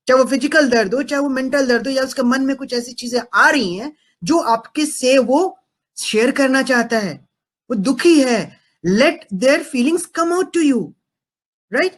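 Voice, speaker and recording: A man's voice: extremely high pitch, fairly bright tone. A man giving a parenting talk to an audience. He switches between Hindi and English and keeps checking in with the listeners. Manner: mixes Hindi and English, keeps asking "am I right?". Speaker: parenting coach.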